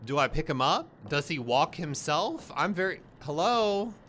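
Young man, gaming commentary, jokey, jumpy, animated pitch, slightly high voice. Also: normal speed, slight background noise. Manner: excitable, jokey, loud jumpy reactions. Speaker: gaming YouTuber. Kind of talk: casual let's-play commentary.

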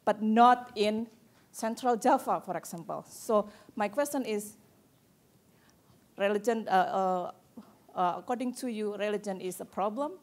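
A woman with an Indonesian accent puts a question to a panel from the audience. She pauses often and reaches for her words as she goes. Her voice sits at an ordinary middle pitch. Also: darkish tone. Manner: hesitant, searching for words, many fillers. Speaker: audience member asking a question.

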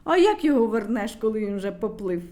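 A woman's voice: a little high, lively intonation, fast talker, natural voice. A woman doing a cheeky little boy shorty. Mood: cheeky shouting. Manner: cheeky, loud shouting.

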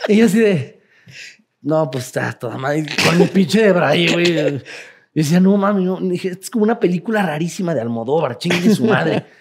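A man with a Mexican accent, telling profane, animated stories as a guest in a casual interview. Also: on the high side, normal speed, noisy background. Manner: profane, animated, laughing while telling anecdotes.

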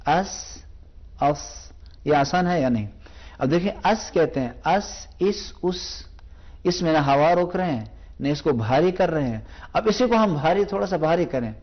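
A man teaching Quran recitation on a televised lesson, patiently explaining pronunciation and repeating each sound slowly as a demonstration. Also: fairly high pitch, animated, dull audio.

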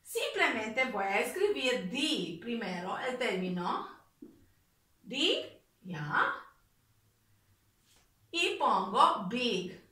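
A woman teaching an English grammar lesson, explaining step by step and repeating words slowly. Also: fairly high pitch, bright, forceful tone, roomy sound, recorded from a distance.

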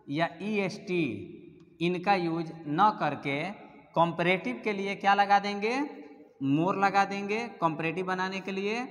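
A man's voice: high-pitched, fairly bright tone, long reverb tail. A male English teacher explaining a grammar lesson step by step, often spelling words out letter by letter.

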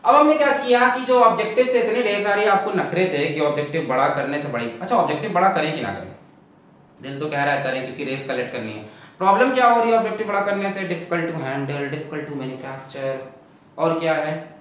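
A man teaching a physics lecture, lively and full of rhetorical questions, mixing English terms into his explanation. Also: fairly high pitch, fast talker. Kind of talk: classroom lecture. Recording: echoey classroom from far off.

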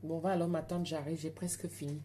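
A woman's voice: sits low, little pitch movement, fairly quick, warm tone, a little hiss or hum. A woman with an African French accent, telling stories and chatting straight to her viewers on a casual live stream from home at night.

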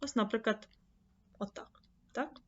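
A woman's voice: on the high side, a little slow, fairly bright tone. Woman trainer explaining a tutorial. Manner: explanatory, addresses viewers directly. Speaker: online course trainer. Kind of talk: screen-share tutorial lesson. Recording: slightly dull lo-fi mic.

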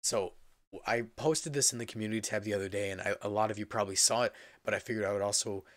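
A young man with a hoarse voice that is giving out from being sick, giving a casual, rambling update as a gaming channel host. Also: on the low side, fairly even intonation, fast, no echo, clean studio sound. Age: young adult. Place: indoor room at a computer.

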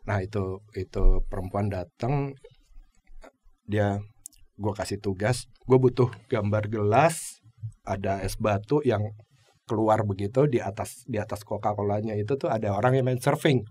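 A man's voice: fairly low pitch, a little slow, slightly rough, no echo. A man, an advertising creative director, telling a story in a casual chat and acting out what others said. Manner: animated, acts out quoted lines in a raised voice.

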